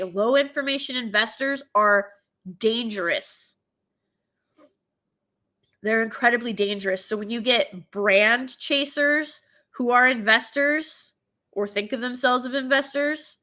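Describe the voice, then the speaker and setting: A woman with a cold hosts her own commentary show, her voice stuffy but bright and cutting, pitched a little above the usual. Animated and opinionated, she keeps slipping into mocking impressions.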